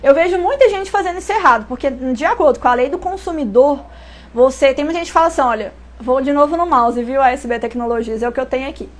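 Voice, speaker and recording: A high-voiced Brazilian woman teaching pricing in a relaxed, live-stream manner. She talks in a chatty way, stops to correct herself and throws rhetorical questions at her viewers. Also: fast talker. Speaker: online sales and pricing instructor. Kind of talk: casual live-stream tips.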